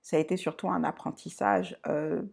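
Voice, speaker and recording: A woman from Côte d'Ivoire and France hosts a personal introduction vlog, her voice low-set and strongly gravelly with vocal fry. She talks in a reflective, unhurried manner and often pauses to find her words. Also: steady tone, darkish tone. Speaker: channel host.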